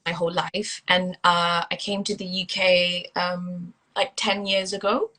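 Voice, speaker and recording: Woman, 30s, from Singapore, interview guest; bright tone, rambling and filler-heavy. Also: on the low side, level tone, a little slow, low-quality recording. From India, raised in Singapore. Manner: chatty, with many fillers and restarts. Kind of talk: casual interview over a phone call.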